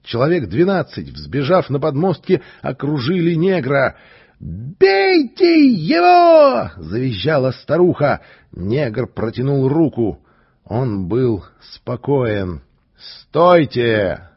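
A man narrating a story in an expressive, deliberate way, on a dull lo-fi recording. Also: medium pitch, breathy edge. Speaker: audiobook narrator. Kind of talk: scripted narration.

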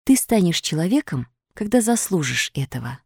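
Gentle fairy, read by a woman. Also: fairly low pitch, normal speed, vocal fry, breathy edge, no room sound, clean studio sound, exaggerated voice. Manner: calm, soft, instructive. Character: kind grown-up fairy woman, gentle and patient.

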